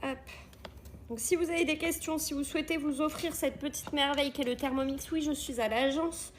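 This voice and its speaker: A woman's voice: high-pitched, fairly even intonation, a little fast, slight background noise. A woman hosting a live cooking stream from an agency kitchen, chatting with viewers, greeting them often and reading their comments aloud.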